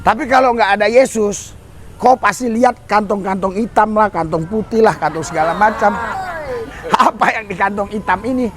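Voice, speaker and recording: Male street preacher, high voice, exhorting, fond of calling for hallelujahs. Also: moderate pace, a bit bright, a little hiss or hum. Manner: exhorting, calls for amen and hallelujah, addresses the crowd as "saudara". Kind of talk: sermon. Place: outdoor service under a bridge.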